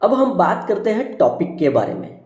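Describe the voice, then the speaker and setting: An engineering teacher gives a subject introduction lecture over slides in a high-pitched, very animated voice at a moderate pace, soft and mellow, in a roomy, echoing space. Calling his viewers friends, he repeats "ठीक है" constantly and reads technical terms one at a time, his pitch falling on each.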